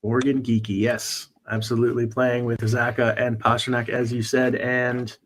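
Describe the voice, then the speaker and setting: A man's voice: mid-range voice, flat delivery, moderate pace, slight background noise. A man hosting a casual sports betting stream, running through stats with plenty of fillers. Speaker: stream host.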